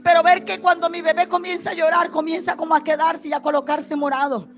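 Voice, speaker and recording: A woman preacher giving an impassioned testimony sermon, shouting at the peaks and dropping soft and slow in the painful parts. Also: very high voice, flat delivery, soft background music. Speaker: prophet, preacher. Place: church or conference stage.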